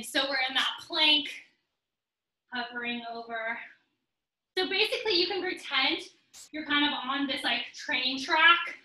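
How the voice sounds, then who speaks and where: A young adult woman leading a guided workout class, giving steady counting cues while she exercises. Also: sits high. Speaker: fitness instructor. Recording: roomy sound, distant from the mic.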